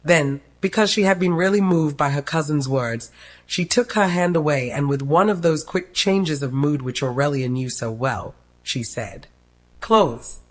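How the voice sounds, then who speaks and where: Tts voice reading an old romance novel, flat and even. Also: mid-range voice, normal speed. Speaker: audiobook narrator. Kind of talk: scripted narration of a romance novel.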